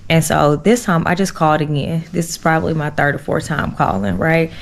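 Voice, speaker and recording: Gravelly low-voiced woman telling a story. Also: fairly quick, a little hiss or hum. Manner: animated, exasperated storytelling with slangy asides to viewers. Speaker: vlogger. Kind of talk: casual storytime vlog.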